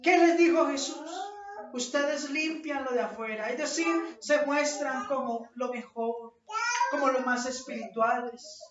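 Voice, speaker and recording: A woman preacher delivering an impassioned sermon, rising to shouts when she quotes scripture. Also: high-pitched, unhurried, crowd noise. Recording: echoey distant lo-fi church recording.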